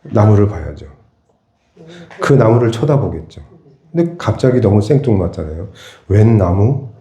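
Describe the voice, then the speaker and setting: Man preaching, mellow voice in a roomy church. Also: fairly low pitch, very animated, normal speed. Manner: asks the congregation questions and answers them himself. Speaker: pastor. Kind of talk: sermon. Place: church sanctuary.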